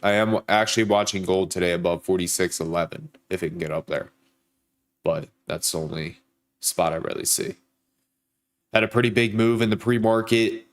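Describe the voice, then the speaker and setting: Talking at normal speed in a low voice, a livestream trader chats loosely with his audience. He's young, nasal and stuffed up from a sore throat, and he calls out viewers by name while pushing them to like the stream.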